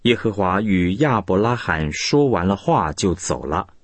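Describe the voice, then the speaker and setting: A man reading scripture aloud in a deliberate, expressive way. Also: low-pitched, dry recording. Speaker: scripture reader.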